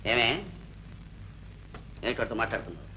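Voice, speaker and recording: An actor playing a domineering, jealous husband who taunts and shouts in an old film drama. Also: male voice, lowish voice, brisk. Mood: taunting.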